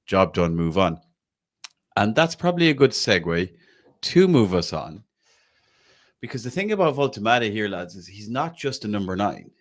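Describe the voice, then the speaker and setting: Hosting a football fan podcast, this man from Ireland speaks at normal speed in a lowish voice with big pitch swings and long pauses. His chat is casual, peppered with "like" and the occasional swear.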